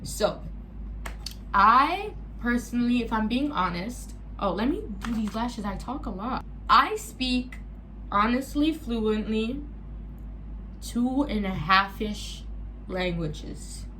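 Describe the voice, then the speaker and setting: A young woman, a native French speaker born in Gabon to Congolese parents, chatting casually through a get-ready-with-me Q&A vlog with animated asides. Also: on the high side, takes it slowly, a little hiss or hum, rough recording. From born in Gabon to Congolese parents, raised partly in the US. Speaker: vlogger.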